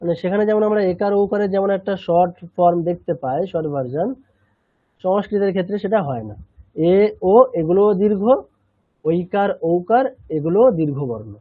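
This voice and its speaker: A man teaching a chanting class, patiently explaining and slowly repeating sounds, sometimes switching into English. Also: high voice, animated, dry recording. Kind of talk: online language lesson. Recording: tinny phone-like line.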